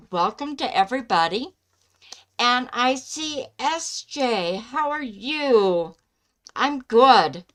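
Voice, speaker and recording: A woman chatting casually as a live stream host, speaking in a halting way with pauses mid-sentence. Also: mid-range voice, a bit bright. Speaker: live stream host giving psychic love readings.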